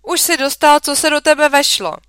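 A woman doing a loud, bossy schoolboy. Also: fairly high pitch, sing-song, clean tone, dry recording, voice pushed up. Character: loud schoolboy claiming leadership.

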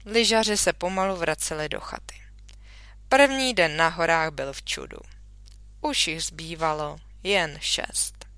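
Woman teacher, gentle storybook reader for kids, bright tone, dry close mic. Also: sits low, no room sound. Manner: gentle and soft-spoken. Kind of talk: reading a children's book aloud. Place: at home, remote recording.

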